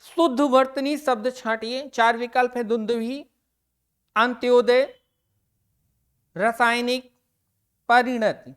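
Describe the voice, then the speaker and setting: A woman teacher walks students through an exam-prep grammar lesson, reading each question and its options. Her voice is smooth and clear, pitched a little high, and she goes slowly and deliberately, repeating every answer word to stress it. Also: fairly even intonation.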